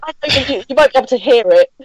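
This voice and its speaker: A woman's voice: high-pitched, expressive, racing, rough recording. A woman guest on a comics podcast, nervous and giggly in casual chat.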